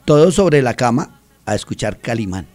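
A man's voice: mid-range voice, sing-song, moderate pace, darkish tone, faint music behind. A middle-aged man from Colombia speaks in a radio interview, a teacher telling stories about his classroom with real conviction. He has an ordinary mid-range voice and slips into quoted voices as he tells them. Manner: earnest storytelling, acts out quotes. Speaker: teacher and author.

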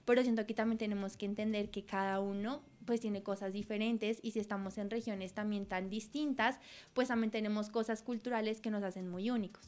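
A woman's voice: medium pitch, fairly even intonation, a little fast, a little mellow. A young woman, co-hosting a podcast and explaining her student research in an earnest way. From Colombia. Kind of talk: casual radio chat.

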